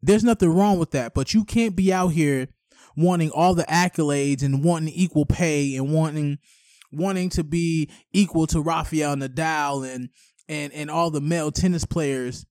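High-voiced man ranting profanely. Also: moderate pace, a little mellow, no room sound, studio quality. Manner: profane, rambling, stumbles over words. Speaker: podcast host. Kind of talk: solo podcast rant.

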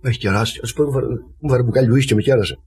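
A man's voice: medium pitch, a little mellow, a little hiss or hum. A man from Crete, a lyra player, telling rambling family anecdotes in a casual interview. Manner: rambling anecdotal storytelling with laughs.

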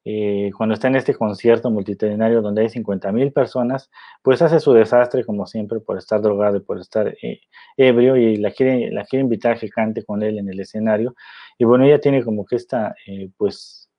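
Over a dull, lo-fi recording, a man talks loosely about films at a normal speed, with a fairly low pitch and fairly even intonation. He is a film commentator, and his rambling is full of fillers and tag questions.

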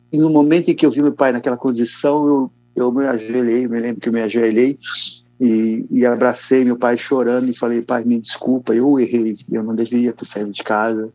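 Gravelly Brazilian man, coughing often. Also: mid-range voice, mellow, no room sound. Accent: Brazilian Portuguese, São Paulo area. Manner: casual, slangy storytelling. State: coughing repeatedly. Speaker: interview guest. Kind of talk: emotional personal testimony. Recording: dull, lo-fi, dry sound.

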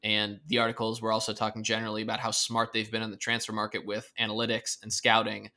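A man co-hosting a sports podcast, his voice bright and forward. He talks stats in a casual, upbeat way. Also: on the low side, completely flat delivery, quick pace. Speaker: podcast co-host.

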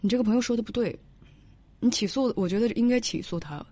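A woman's voice: a little high, fast, mellow. A woman hosting a call-in advice show, asking the caller direct, probing questions. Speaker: radio advice host.

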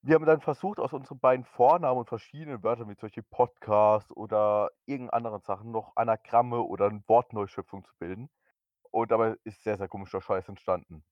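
A young man in his twenties chats casually as a podcast co-host, a little hesitant and full of fillers. His voice sits low, and the recording is dry and somewhat dull, as from a home setup. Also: fairly even intonation, fast talker, no echo. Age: 20s. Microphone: new podcast microphone.

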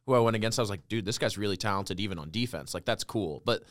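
A man in his twenties, a football player guest, telling relaxed stories full of "like" fillers in a casual podcast chat. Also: lowish voice, quick pace, no room sound, clean studio sound. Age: 20s. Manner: relaxed storytelling, many "like" fillers.

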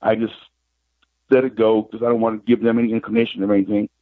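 A middle-aged man, a psychic guest, telling his life story in an interview in an unhurried, reflective way. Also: lowish voice, monotone, no room sound. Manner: unhurried, reflective, retells scenes with quoted dialogue. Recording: tinny phone line.

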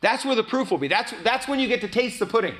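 Male Bible teacher, high and bright voice, reads scripture then talks it through casually. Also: expressive, quick pace. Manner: reads scripture then explains it conversationally, with restarts.

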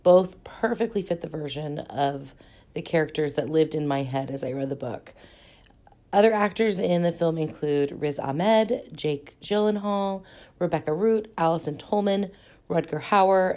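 A woman hosting her own podcast while sick, hoarse, chatting casually about books with frequent ums. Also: lowish voice, a little slow, warm tone. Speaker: podcast host. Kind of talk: casual book talk monologue.

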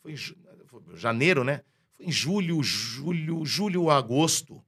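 A Brazilian man with a fairly high, bright, forceful voice tells a story in a relaxed interview. He is a radio announcer, full of slang and quick to act out every line of dialogue he remembers. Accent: Brazilian Portuguese. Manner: lively, slangy, acts out quoted dialogue.

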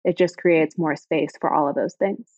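Soft-spoken woman guiding a meditation. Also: deep voice, no room sound, highs cut off. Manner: slow, soft, soothing instructions with pauses. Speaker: meditation guide. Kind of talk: guided body-scan meditation.

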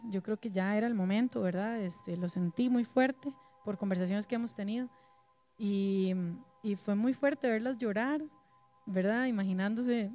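A woman's voice: mid-range voice, mellow. A woman, talking candidly as a guest and often ending her remarks with a questioning tag. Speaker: guest musician and mother. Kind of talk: candid personal talk.

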